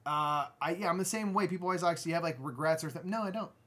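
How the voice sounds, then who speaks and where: A man in his thirties co-hosts a live stream and talks in a loose, rambling way, laughing as he goes. His voice sits somewhat high for a man. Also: fast. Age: 30s. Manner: animated, rambling, laughs often. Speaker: co-host of a board game stream. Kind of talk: casual live-stream chat.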